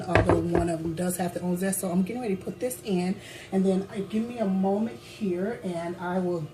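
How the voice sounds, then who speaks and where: A woman's voice: on the low side, rough recording. A woman in her home kitchen, chatting casually through a baking vlog and a taste test, humming as she savors the food and talking with her mouth full. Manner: talks with mouth full while tasting. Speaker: baking vlogger. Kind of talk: casual chat.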